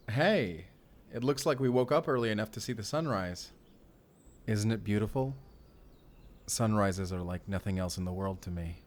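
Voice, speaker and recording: In a romantic audio drama, a man plays a Spanish vampire slayer, speaking close and earnest like a tormented, tender hero addressing his lover. His fairly low, darkish voice has a Spanish accent, and the lightly acted delivery feels tender and relaxed.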